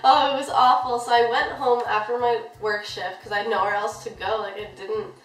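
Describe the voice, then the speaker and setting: A young woman vlogger tells her camera a story in a casual, rambling way, saying "like" constantly. Her voice is on the high side, fairly quick, a bit bright, and flat in delivery, recorded from a distant mic in an echoey room, slightly off-mic.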